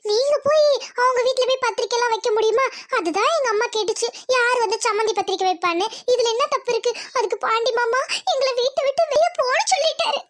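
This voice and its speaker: A scheming young niece, voiced by a woman for a cartoon drama. Her voice is extremely high and sharp-tongued, and she sounds self-pitying and put upon. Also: background noise. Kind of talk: Tamil cartoon drama dubbing.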